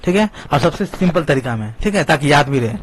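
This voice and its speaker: A man's voice: on the high side, animated, fairly quick. A man teaching a math exam-prep lesson, emphatic and checking in constantly with his students. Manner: emphatic, keeps asking "clear?" and "okay?". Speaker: math tutor.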